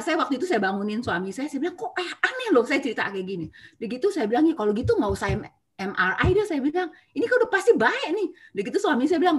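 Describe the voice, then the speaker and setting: Expressive woman giving a church testimony. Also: high-pitched, husky. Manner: expressive storyteller, many filler "ya" and "nah". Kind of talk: devotional talk with personal testimony. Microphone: video call.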